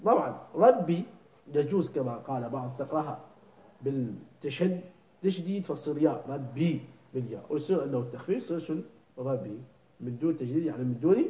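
A man teaches a lesson on prayer recitation, drilling pronunciation slowly and checking that his students understand. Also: medium pitch, mellow. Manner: keeps checking understanding with short questions. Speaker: religious teacher. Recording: echoey room.

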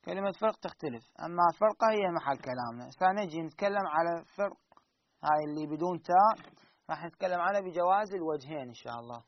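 A man teaching Quran recitation rules, asking his students questions and answering them himself, drawing out the example words slowly. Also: fairly high pitch, slight background noise. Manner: drawn-out slow recited examples. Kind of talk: teaching lesson. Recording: dull lo-fi recording.

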